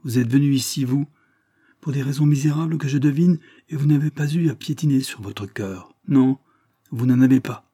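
A man's voice: fairly low pitch, steady tone, normal speed, mellow, slightly rough, dry recording, clean studio sound. A man reading a heartbroken young engineer who pours out impassioned, bitter reproach.

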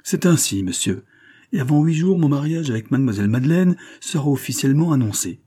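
A man's voice: mid-range voice, expressive, brisk, mellow, slightly rough, pitched above the performer's own voice. A man voicing a proud, haughty noble ironmaster in a stiff, formal tone.

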